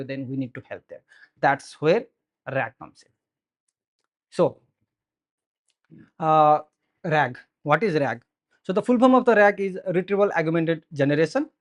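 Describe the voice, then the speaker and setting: Nepali-accented man giving a tech talk. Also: fairly high pitch. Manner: earnest, explanatory, frequent "so" and "uh" fillers. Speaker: software engineer giving a meetup talk. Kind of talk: conference tech presentation. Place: meetup room with audience, indoors. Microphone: handheld microphone.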